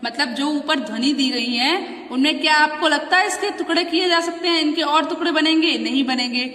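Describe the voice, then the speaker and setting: A woman's voice: sits high, normal speed, pushed and bright. A woman teaching a grammar class, asking questions and answering them herself, repeating sounds syllable by syllable. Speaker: school teacher. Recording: echoey room, voice from far off.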